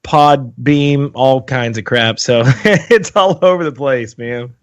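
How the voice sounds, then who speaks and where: A man in his thirties, joining a gaming podcast as a guest. He chats casually and sounds excited, full of slang and hype, at a medium pitch. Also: slow pace. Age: 30s. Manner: energetic, slangy, hyped. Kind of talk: casual chat.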